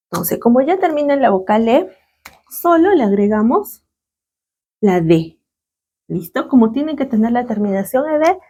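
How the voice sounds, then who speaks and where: A woman's voice: fairly high pitch, warm tone, slightly rough. A woman with a Latin American Spanish accent explaining grammar rules as a teacher, patiently checking in with her students after each point. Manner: patient, checks in often with short questions. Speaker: English teacher. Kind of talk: classroom explanation.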